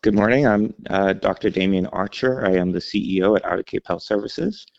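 Bahamian-raised man, very low and gravelly voice, measured interview guest; dull lo-fi recording. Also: a little mellow, no room sound. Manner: measured, explanatory with frequent fillers. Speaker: healthcare executive guest. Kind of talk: interview answers.

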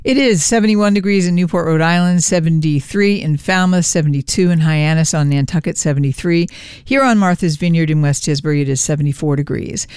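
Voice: mid-range voice, a little fast, darkish tone, smooth, dry recording, studio quality. A local radio news host reading temperatures and updates steadily, with loose ad-libbed corrections.

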